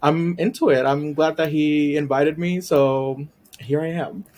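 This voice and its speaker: A Puerto Rican man whose first language is Spanish, a YouTube reactor, chats as a guest in a casual interview. He comes across as shy and hesitant, with many ums and small laughs. His voice is fairly high, steady in tone, a little slow and a little mellow.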